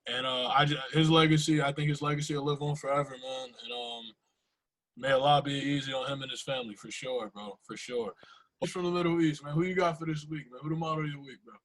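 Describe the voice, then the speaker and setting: A man's voice: fairly high pitch, fairly even intonation, quick pace, a bit bright, poor audio. A young man hosting a podcast in casual, slangy conversation, repeating phrases for emphasis. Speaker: podcast host.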